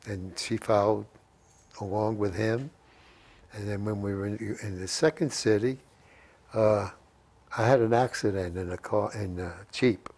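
Old guy in his 80s, gravelly lowish voice, rambling through old stories and quoting who said what. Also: fairly even intonation, unhurried, long pauses, darkish tone. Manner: rambling, repeats phrases, quotes remembered dialogue. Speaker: WWII veteran being interviewed. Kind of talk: reminiscing, anecdotal interview storytelling. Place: living room at home. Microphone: lapel mic.

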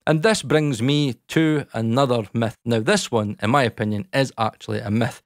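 Speaking to camera from a small indoor home studio, this Scottish YouTube audio educator in his 30s gives a relaxed, casual explainer. His deep, dark, boomy voice moves at normal speed, recorded very dry and close on a large dynamic mic with no room sound. He's talkative, full of fillers, and gestures with his hands.

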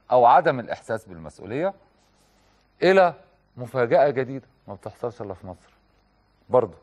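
A man's voice: medium pitch, darkish tone. A man with an Egyptian accent hosting a TV talk show, delivering an impassioned studio monologue full of rhetorical questions and direct appeals.

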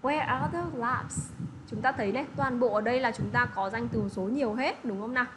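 A woman's voice: fairly high pitch, fairly quick, background noise. A woman teaching an English lesson to children, patiently explaining and often checking that the class has understood. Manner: patient, repeats checks like "được chưa".

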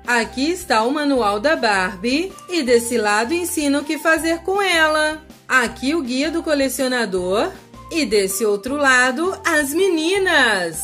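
A Brazilian woman presents toys to young children in a very high voice. She takes her time, with a sing-song, exclamatory delivery. Music plays behind her narration. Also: animated, measured pace, fairly bright tone. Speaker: children's toy channel host. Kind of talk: toy unboxing narration for children. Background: background music.

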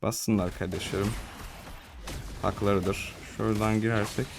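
A man's voice: fairly low pitch, little pitch movement, a little slow, creaky, noisy background. Chatty young man calling his game. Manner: casual, chatty, slangy, talks to viewers and teammates. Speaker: gaming streamer. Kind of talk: live gameplay commentary.

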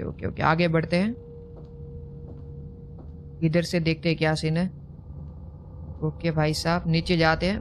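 A man's voice: a little high, slight background noise. Young man, gaming host, horror game commentary, nervous, jumpy, word repeats. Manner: jumpy, nervous, repeats words when scared.

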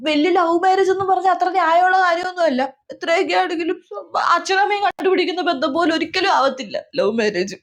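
A woman's voice: very high voice, fast talker, few pauses, voice pushed up. A woman playing a melodramatic middle-aged mother in a comedy sketch, scolding and lamenting over and over. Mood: lecturing. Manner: scolding, wailing, repeats herself. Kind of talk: comedy sketch role-play.

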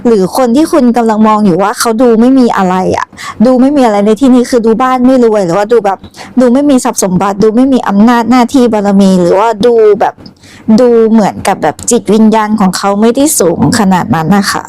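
A woman giving a spiritual tarot reading, talking in a soft, conversational way with many polite particles. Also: fairly high pitch, fairly quick, no room sound, rough recording. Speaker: tarot reader.

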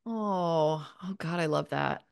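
A woman podcast host who lives in New Jersey, chatting casually, expressive and swearing freely. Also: deep voice, slow pace, creaky, crowd noise.

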